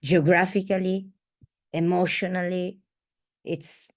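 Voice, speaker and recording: A woman moderates an online seminar over a video call, speaking slowly and hesitantly with frequent fillers. Her voice sits low for a woman, and she keeps her tone soft. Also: fairly even intonation.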